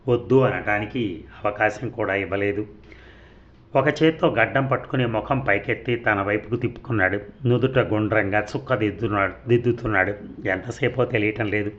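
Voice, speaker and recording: A man narrating a serialized story in a calm, measured reading voice. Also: fairly low pitch. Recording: dull lo-fi recording.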